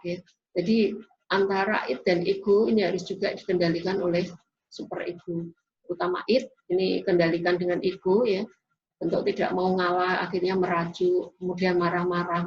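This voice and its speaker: A woman's voice: fairly low pitch, darkish tone, a little hiss or hum. A woman giving a classroom lecture in an explanatory way, often tagging sentences with a questioning "ya". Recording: dull lo-fi recording.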